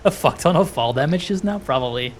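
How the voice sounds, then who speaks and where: Playing a video game, a streamer offers casual, playful let's-play commentary, frequently muttering to themself. The voice is medium-pitched, expressive, and brisk, with game music and slight background noise behind it.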